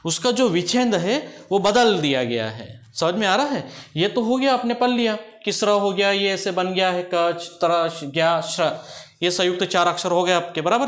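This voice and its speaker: A man with a high voice teaches a grammar lesson patiently, explaining as he goes. He stops often with checking questions to make sure his students are following.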